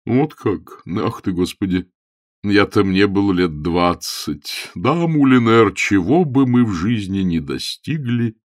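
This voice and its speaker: A man's voice: on the low side, no room sound, clean studio sound, pitched above the performer's own voice. A man reading an audiobook voices a troubled, pompous elderly bishop who sighs over his troubles and quotes scripture. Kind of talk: audiobook character voice.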